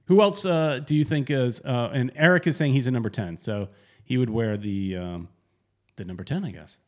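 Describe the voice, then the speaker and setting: A man co-hosting a casual sports podcast, rambling and correcting himself as he talks, with sudden animated bursts. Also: mid-range voice, normal speed. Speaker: podcast co-host.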